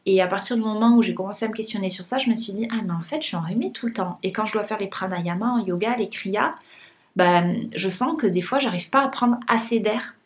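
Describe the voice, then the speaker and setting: In a casual vlog chat to camera, a young French woman addresses her viewers at a fairly quick pace in a mid-range voice. She sounds stuffed up from a congested nose and keeps restarting and using fillers.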